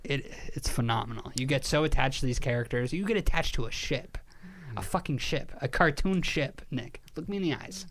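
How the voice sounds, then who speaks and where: Animated man recounting a show, swearing freely. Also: mid-range voice, normal speed. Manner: animated storyteller, swears casually, laughs at himself. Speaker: podcast co-host. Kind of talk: casual chat.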